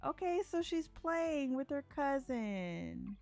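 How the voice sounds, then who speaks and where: A woman's voice: high-pitched, sing-song, takes it slowly, creaky, a little mellow, soft background music. A young woman, chatting casually while she plays a life-simulation game and laughs often. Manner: chatty, laughs often, voices characters in asides. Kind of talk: casual let's-play commentary.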